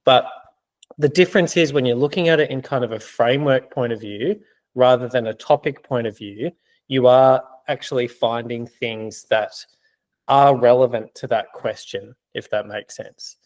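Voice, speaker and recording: A man's voice: medium pitch, normal speed, a little mellow. A man working as an exam prep tutor, explaining in a conversational way with many fillers during a casual teaching Q&A.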